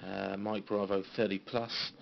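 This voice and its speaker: A British CB radio hobbyist speaks in a low, creaky voice and a level tone as he tours his equipment in a small radio room at home. His informal show-and-tell is halting and understated, and the handheld phone recording is dull with faint noise behind him.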